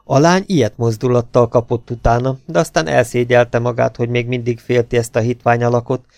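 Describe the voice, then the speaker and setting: A man narrating a pulp adventure novel in an audiobook, with a measured, even storytelling delivery on a close mic. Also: mid-range voice, vocal fry, no echo.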